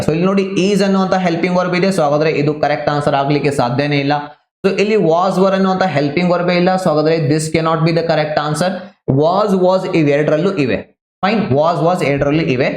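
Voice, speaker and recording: A male teacher with a Kannada accent, explaining grammar one step at a time in a mix of Kannada and English. His voice sits a little high for a man. The room around him rings with echo. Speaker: exam prep teacher. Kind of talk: online class lecture.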